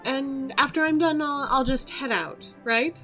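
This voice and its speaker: A woman's voice: high-pitched, a little slow, faint music behind. Woman playing a courteous, self-important snake adventurer. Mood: polite, reluctant. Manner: courteous, hesitant, gently condescending. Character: polite, vain, multi-armed male snake adventurer. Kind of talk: tabletop role-play.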